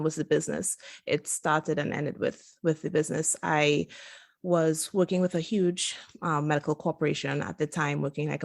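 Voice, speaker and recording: Low, gravelly-voiced woman guest. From Trinidad and Tobago. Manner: chatty, laughs often, many fillers. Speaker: guest physician. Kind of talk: casual interview conversation.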